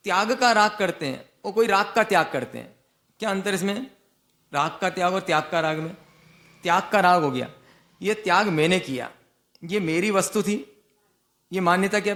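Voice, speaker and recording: High-voiced man teaching in a questioning sermon. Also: a bit bright. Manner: asks rhetorical questions and answers them himself; repeats and rephrases key points. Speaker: spiritual teacher. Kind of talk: Jain discourse sermon.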